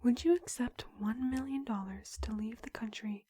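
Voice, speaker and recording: A young woman whispering an ASMR roleplay as a clinic counselor, asking questions softly with pauses. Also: on the high side, slightly rough. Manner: soft whisper throughout, slow questioning with pauses. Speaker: ASMR creator.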